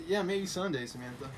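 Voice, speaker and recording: On a livestream, a man reads a classic novel aloud, tossing casual asides to his chat and laughing between them while giving characters light voices. His voice sits in the mid range, with a little background noise.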